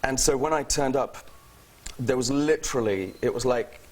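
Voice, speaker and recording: A man's voice: medium pitch, moderate pace. A man with a British accent, a guest actor on a talk show, telling stories chattily, laughing often and restarting sentences. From England. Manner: chatty, laughing, self-interrupting storyteller.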